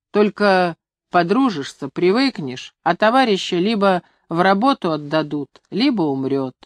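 A woman's voice: fairly low pitch, no echo. A woman voicing a cross, gloomy boy who grumbles plainly in a storybook reading.

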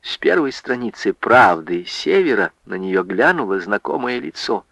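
A man narrating a literary story for radio in a measured, expressive way. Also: mid-range voice, creaky, dry recording, rough recording.

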